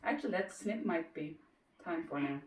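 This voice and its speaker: Speaking at normal speed in a low, animated voice, a woman dog trainer chats through a session, pausing her explanations to praise the dog and give cues. The audio sounds roomy and distantly miked, with faint background noise.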